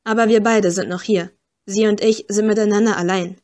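A woman reading an audiobook, voicing a suave, menacing gentleman swordsman in a low, soft, mocking tone. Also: fairly even intonation, brisk, lightly acted. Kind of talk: audiobook character voice.

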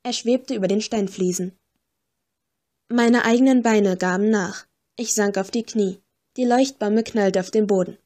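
A woman reading a first-person story aloud with steady, expressive storytelling. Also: mid-range voice, a little slow. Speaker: audiobook narrator. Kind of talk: scripted first-person narration.

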